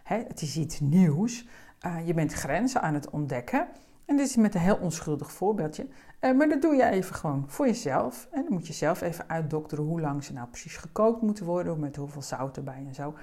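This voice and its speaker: Woman coach, lowish voice, slow and deliberate, gentle explanatory talk. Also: sing-song.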